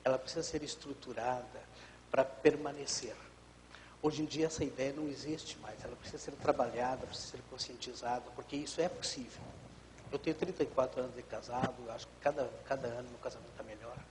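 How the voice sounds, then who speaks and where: A pastor, calm and explanatory, often letting his sentences fade softly. His voice sits in a middle pitch for a man. The studio adds a long reverb tail and a faint hiss. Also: quick pace. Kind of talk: live TV studio talk.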